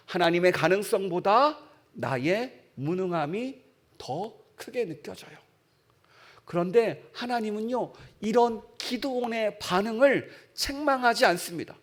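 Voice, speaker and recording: A man preaching an impassioned evening sermon as pastor, swinging from loud appeals to quiet, soft lines and reading scripture aloud with the congregation. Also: high-pitched, lively intonation, unhurried.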